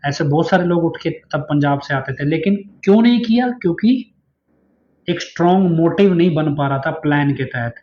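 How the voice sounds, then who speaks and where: A man's voice: on the high side, animated, normal speed, darkish tone. Earnest man telling a story, dull lo-fi. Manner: earnest, explanatory, asks rhetorical questions. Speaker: channel host and former follower. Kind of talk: storytelling monologue. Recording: dull lo-fi sound with faint background noise.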